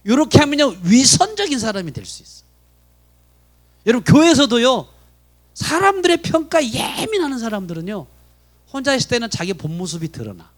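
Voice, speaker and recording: Male pastor delivering a church sermon; very high, highly expressive pitch, rhetorical questions to the congregation. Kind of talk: sermon at a Friday prayer meeting. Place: church sanctuary.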